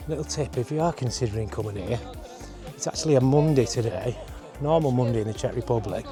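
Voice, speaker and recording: Talking fast in a mid-range voice, a travel vlogger and host keeps up an easygoing walk-and-talk while hiking uphill through a forest. Music plays in the background, and the climb leaves him sounding exerted. His chatter leans on wry understatement.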